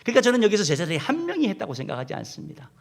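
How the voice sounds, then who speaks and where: A man's voice: high voice, wildly swooping pitch, racing, vocal fry. A man, a senior pastor, preaching a sermon and speaking directly to his congregation, now and then leading them in reading aloud. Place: church sanctuary.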